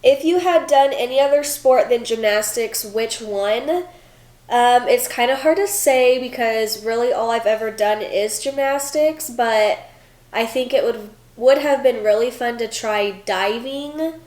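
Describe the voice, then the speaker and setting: A former college gymnast in her twenties answers viewer questions in a casual vlog, chatty and full of fillers, sounding stuffy from a cold. Her voice is on the high side and a little mellow, unhurried, and the sound is reverberant.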